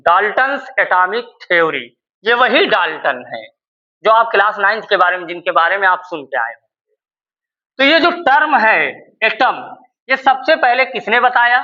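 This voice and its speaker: A man teaching chemistry with a lively, rising-and-falling voice, slowly dictating notes one word at a time. He keeps putting questions to the class and answering them himself, and the recording sounds a little muffled and lo-fi. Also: high-pitched. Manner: asks questions and answers them himself, repeating key words.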